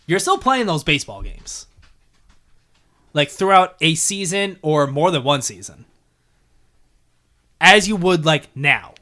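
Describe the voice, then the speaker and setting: A young man co-hosting a casual gaming podcast, his voice pitched a little high and bright with a forward edge. He riffs loosely with plenty of fillers and restarts and laughs easily. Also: animated, slow, pauses often. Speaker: podcast co-host. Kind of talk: casual chat.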